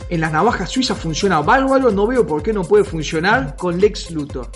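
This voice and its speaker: Co-host, deadpan and sure of every opinion, mid-pitched voice, faint music under. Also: moderate pace. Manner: deadpan, confidently enthusiastic. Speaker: podcast co-host. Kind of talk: casual podcast banter.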